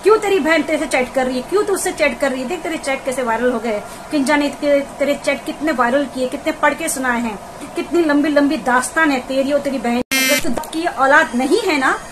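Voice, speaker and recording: A woman's voice: high voice, a little fast, noisy background. A woman vlogger delivering an indignant, scolding commentary rant aimed straight at the person she criticizes. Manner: scolding, indignant, addresses the target directly.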